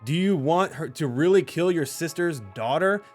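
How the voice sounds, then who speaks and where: An anxious older doctor calling out questions, read plainly by a man telling a film script. His pitch sits a little high, and the reading stays close to the narrator's own voice. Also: normal speed, darkish tone, soft background music, lightly acted. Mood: searching. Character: anxious older male doctor hunting a killer.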